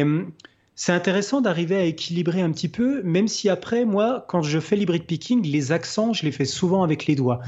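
A man's voice: fairly high pitch, darkish tone. A man hosting a podcast, casually explaining his guitar technique between played examples, thinking aloud with many hesitations. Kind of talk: casual explanatory chat with playing demos. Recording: slightly dull lo-fi sound. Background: faint guitar playing.

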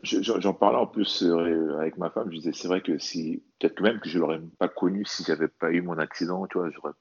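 A man from French Guiana, an athlete and bodybuilder appearing as an interview guest, talks casually and earnestly about himself, often repeating his words. His voice is low-pitched and a little fast, and the audio sounds dull.

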